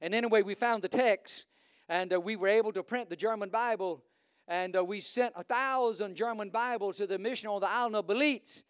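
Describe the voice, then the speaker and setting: This Virginian man, a guest preacher with the local accent, speaks high and a little fast in a smooth voice, captured in a dry recording. His sermon grows from fervent to emphatic and repetitive, peppered with many "uh" fillers.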